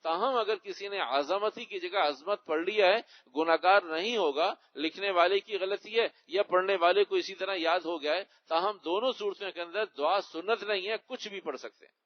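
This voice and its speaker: A man's voice: sits high, hardly any pauses. A man, an Islamic scholar, answering audience questions in a religious Q&A lecture, explaining rulings and repeating key words for emphasis. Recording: dull lo-fi recording.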